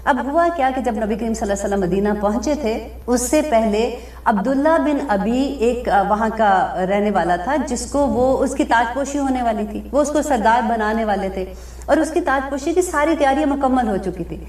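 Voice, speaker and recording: A woman giving a religious lecture, explaining scripture verse by verse and translating each phrase slowly, with everyday examples. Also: a little high, darkish tone, roomy sound, far from the mic. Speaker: Islamic speaker. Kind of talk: religious lecture with Quran commentary.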